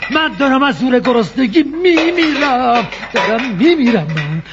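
A man's voice: a little high, big pitch swings, background noise. An actor playing a greedy rich old man, starving and furious, in a children's radio play, ranting and wailing with lots of repetition. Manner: wailing, ranting, repeats himself. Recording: lo-fi recording with music behind.

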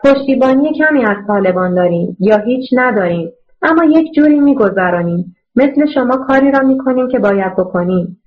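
A kind, earnest man who runs an orphanage, as a woman narrator puts him on, gently comforting and pleading in an audiobook. The voice sits fairly high and the sound is dull and muffled. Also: animated, close to an everyday voice. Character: kind middle-aged male orphanage director, earnest.

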